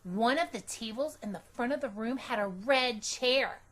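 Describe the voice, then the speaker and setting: A storytime reader with a voice on the high side reads a children's book aloud, expressive and deliberate, narrating in a childlike first person.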